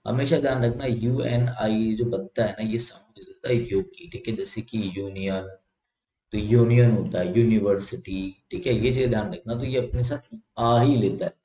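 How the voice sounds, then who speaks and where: A man's voice: lowish voice, fairly even intonation, moderate pace, mellow. A man teaching English grammar to exam students, who repeats points, drills vowel sounds aloud and keeps checking whether his listeners follow. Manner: repetitive, checks understanding with "theek hai", drills sounds aloud. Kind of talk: explanatory lesson for exam students. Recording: echoey room.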